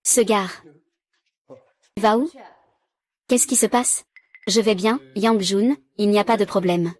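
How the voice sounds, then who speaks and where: A woman voices the dub for a drama recap, reading every character's lines in the same plain voice. Her mid-range voice is a little mellow and slow-paced.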